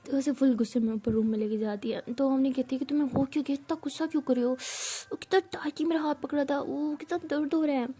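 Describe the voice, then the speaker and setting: A woman casually retelling a romance story, acting out the characters' lines herself and dropping to soft whispers in tender moments. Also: high-pitched, fairly even intonation, quick pace, few pauses. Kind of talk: casual spoken storytelling with acted dialogue.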